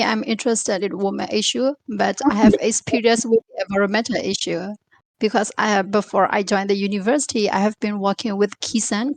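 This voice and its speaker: Young woman with a gravelly voice. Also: mid-range voice, a little hiss or hum. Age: young adult.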